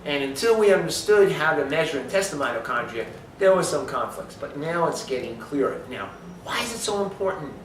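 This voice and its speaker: A man's voice: fairly high pitch, very animated, a little fast, few pauses, fairly bright tone, slight background noise. A man giving an emphatic health talk, lecturing and asking rhetorical questions. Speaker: speaker on supplementation. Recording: echoey room from far off.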